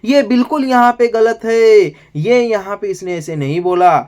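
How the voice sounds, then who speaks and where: A woman's voice: mid-range voice, measured pace, a little mellow, voice pushed up, lightly acted. A man putting on the voice of a stubborn, insistent woman who refuses to listen.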